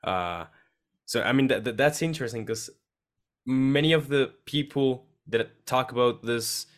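A man's voice: medium pitch, measured pace. A man hosting a casual podcast conversation, speaking hesitantly with frequent restarts and fillers.

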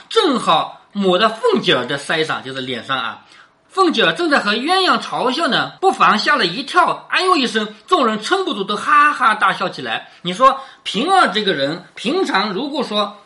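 Woman teacher, animated lecture on classic fiction, bright clear tone, keeps asking the class if they follow. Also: medium pitch, normal speed. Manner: explains line by line, keeps checking in with questions. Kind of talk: classroom lecture reading and explaining a classic novel.

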